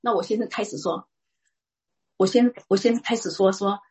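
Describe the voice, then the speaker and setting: A middle-aged woman giving a personal church testimony, retelling it in a lively, chatty way with frequent restarts. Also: mid-range voice, normal speed.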